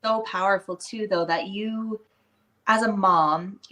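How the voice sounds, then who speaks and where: A woman's voice: mid-range voice, fairly even intonation, slow pace, a bit bright. A woman co-host chatting in a reflective, talkative way, often saying "like.". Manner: chatty and reflective, with many "like" fillers. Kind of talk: casual conversation.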